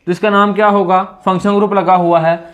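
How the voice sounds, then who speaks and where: A male chemistry teacher with a noticeably high voice lectures while nursing a sore throat. He keeps firing questions at his students and answering them himself, echoing each answer back. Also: flat delivery, fairly quick. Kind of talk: classroom lecture.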